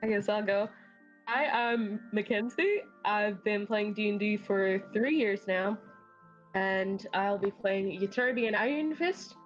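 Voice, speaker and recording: A woman chatting as a tabletop game player, answering with dry, quick comebacks. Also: mid-range voice, lo-fi sound. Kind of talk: casual tabletop game chat.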